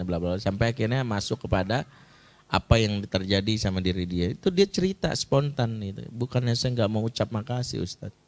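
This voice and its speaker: A man preaching as a family counselor, an animated storyteller who acts out the people in his story in a much higher voice. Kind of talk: storytelling talk to an audience.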